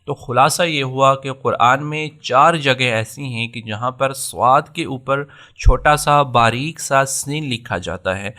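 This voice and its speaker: A man gives a patient tajweed lesson on Quran recitation. He lays out each rule step by step and circles back to repeat the key points. His voice is bright and forward. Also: medium pitch.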